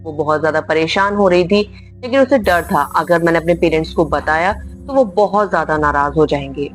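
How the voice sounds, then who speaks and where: Lady telling a scary ghost story, kinda low voice, soft music playing under it, dramatic. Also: moderate pace. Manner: dramatic, repeats "very much" for emphasis. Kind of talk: horror story narration. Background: faint music.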